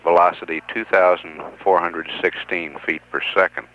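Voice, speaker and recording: A man working as a mission control public affairs announcer, giving a formal status update over a radio transmission, measured and even with occasional "uh" pauses. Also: low-pitched, slight background noise. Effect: radio transmission sound over a mission control loop. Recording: dull lo-fi 1970s mission radio audio.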